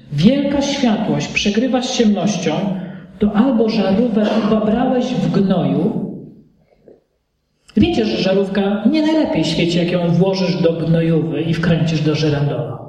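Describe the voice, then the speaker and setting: A man preaching a sermon emphatically, with rhetorical questions and big swings in pitch. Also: animated, measured pace, mellow. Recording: echoey hall from far off.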